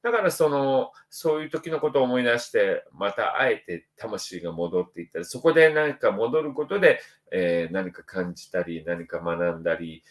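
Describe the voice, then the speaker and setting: A man's voice: lowish voice, normal speed, hardly any pauses. A middle-aged man from Osaka, a spiritual counselor hosting a casual livestream and chatting upbeat through viewer comments. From Osaka, Japan. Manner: chatty and upbeat, voice jumps up when reading out names.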